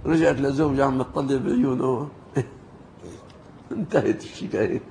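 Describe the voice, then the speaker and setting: A male preacher tells stories in a mellow, warm voice. He talks like an animated storyteller and rises sharply to stress his points. Faint noise sits under the voice. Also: mid-range voice, normal speed, gravelly. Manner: animated storyteller, jumps into quoted voices, rising emphasis. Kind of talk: storytelling sermon.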